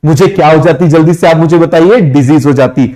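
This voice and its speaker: Man, young adult, online biology teacher, live exam-prep lecture, quizzing and self-answering, slightly high voice. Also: warm tone. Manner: quizzing, repeats questions and answers them himself; mixes English terms into Hindi, drawn out slowly. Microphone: streaming microphone.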